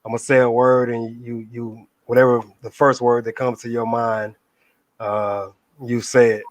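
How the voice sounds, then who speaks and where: A man's voice: mid-range voice, normal speed, no echo. Laid-back man hosting with a dry sound. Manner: laid-back, relaxed slang-heavy talk. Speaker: interview host. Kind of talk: casual live interview.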